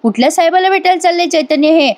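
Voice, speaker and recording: A woman's voice: extremely high pitch, quick pace, a little mellow, voice pushed up. A woman voicing a suspicious young man who wonders aloud what others are up to. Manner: puzzled, questioning. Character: suspicious young male hero.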